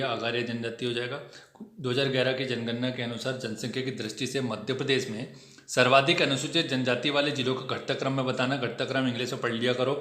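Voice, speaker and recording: Guy going through test answers fast and chatty, bright sharp voice, echoey room. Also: mid-range voice. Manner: brisk, chatty explaining with frequent "ठीक है" check-ins. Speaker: exam coaching teacher. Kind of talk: test discussion lesson.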